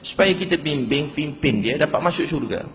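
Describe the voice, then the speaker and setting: A man's voice: fairly high pitch, animated, moderate pace, long reverb tail, a little hiss or hum. A man with a Malaysian Malay accent preaching a sermon, telling stories and asking the audience questions. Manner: storytelling, asks the audience questions.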